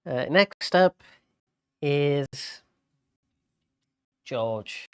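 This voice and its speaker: A bingo host calling a live game in a casual, unscripted way, with hesitant, halting delivery. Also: medium pitch, animated, a bit bright, clear, resonant tone.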